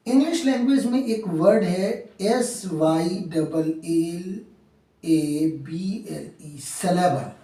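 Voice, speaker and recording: A man's voice: sits high, warm tone. Urdu-accented man teaching from a distance. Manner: spells words letter by letter, asks and answers his own questions. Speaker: English grammar teacher. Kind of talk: classroom lecture. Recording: echoey room, mic at a distance.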